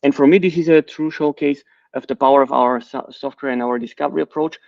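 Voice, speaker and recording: Middle-aged man from Bulgaria, CEO, explanatory and measured, dry slightly dull recording. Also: mid-range voice, steady tone, gravelly, a little mellow, no room sound. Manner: measured, explanatory, with frequent fillers. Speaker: company CEO and co-founder. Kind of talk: interview answers.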